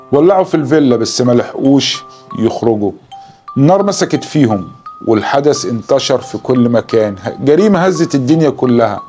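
Man telling a dark horror tale. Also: medium pitch. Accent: Egyptian Arabic. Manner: slow, dramatic storytelling. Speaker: storyteller. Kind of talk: horror story narration.

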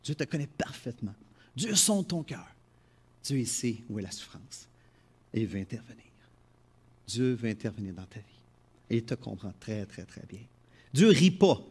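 A middle-aged man with a Quebec French accent delivers a sermon in a voice of ordinary pitch. He preaches with animation, rising into loud emphatic phrases and dropping into quiet, confiding asides. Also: big pitch swings, normal speed, pauses often, breathy edge. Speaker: pastor.

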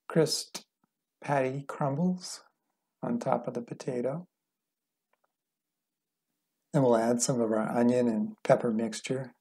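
Gravelly, husky-voiced man teaching cooking. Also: medium pitch. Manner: relaxed, unhurried, plain-spoken. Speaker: cooking instructor. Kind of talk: calm step-by-step cooking demonstration. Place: home kitchen, indoors.

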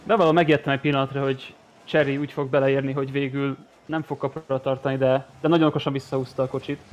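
A man's voice: mid-range voice, level tone, highs cut off, slight background noise. A man co-commentating a video game match live, adding analysis of the plays. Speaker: esports co-commentator.

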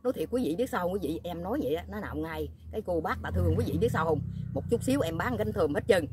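Over background noise, a woman talks fast in a fairly low, expressive voice, spinning meandering stories for her vlog audience. She keeps the tone casual and chatty, frequently asking viewers "you know what?"

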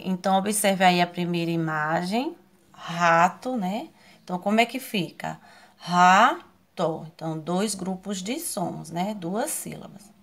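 A Brazilian Portuguese-speaking woman teaching children in an online class, slowly and patiently spelling out syllables and often asking the class questions. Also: fairly low pitch, vocal fry. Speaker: primary school teacher.

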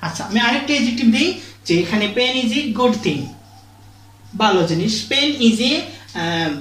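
A woman teaches grammar in a lively, swooping voice, pitched a bit high. She keeps checking that her students follow, asking questions and then answering them herself, and she stretches out her example sentences slowly. The room around her is echoey. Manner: repeats "ঠিক আছে?" after each point, asks and answers herself; slow, drawn-out English example sentences. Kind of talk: online grammar lesson.

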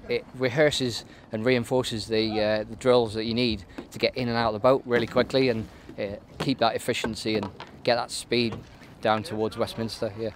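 Flat-toned man answering outdoors, saying "yeah" a lot. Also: medium pitch, normal speed, few pauses, slight background noise. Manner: flat, matter-of-fact, frequent "yeah". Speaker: army canoe racer being interviewed. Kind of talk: casual interview answers. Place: outdoors by a lake.

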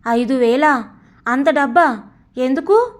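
A woman voicing a gentle, worried middle-aged mother who pleads with and scolds her son in a storybook reading. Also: high-pitched, measured pace. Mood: pleading. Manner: pleading, sorrowful, admonishing.

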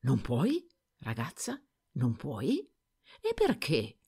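A stubborn farm master, quick to anger, who hammers his servant girl with one insistent question after another, as a woman reader puts him on. The voice swings up and down as he badgers her in this storybook reading, though it stays close to the reader's own low tone. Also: huge pitch swings, warm tone, slightly rough, heavily acted. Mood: angry, badgering. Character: gruff, stubborn, angry farm master, a middle-aged man.

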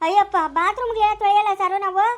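A woman with a Chikkaballapura Kannada accent playing a stubborn female prisoner who loudly protests doing chores. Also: very high voice, fairly even intonation, fast talker. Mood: complaining. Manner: loud, whiny protesting. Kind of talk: amateur family drama.

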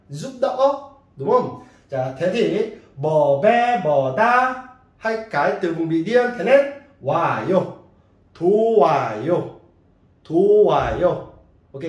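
High-voiced Korean-accented man teaching. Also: echoey room. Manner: lively, repeating drills and asking questions. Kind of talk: classroom lesson.

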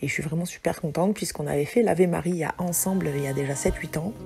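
Speaking quickly in a low, creaky voice, a woman from France in her forties comments on her own music clips as a singer-songwriter. Her talk is loose and full of hesitations, and music runs under the recording.

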